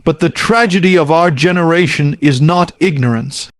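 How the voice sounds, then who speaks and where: Higher-voiced man preaching an urgent motivational sermon. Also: normal speed, no echo. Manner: urgent, exhorting, short punchy phrases with repetition. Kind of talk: motivational sermon monologue, scripted.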